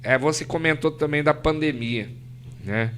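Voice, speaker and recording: A man's voice: fairly high pitch, normal speed, a bit bright, slight background noise. A Brazilian man from the São Paulo interior, a podcast guest telling a faith story earnestly, often tagging "né?" and acting out what others said. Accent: Brazilian Portuguese, São Paulo interior. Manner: earnest storytelling, frequent "né?", acts out quoted voices. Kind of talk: emotional testimony in casual chat.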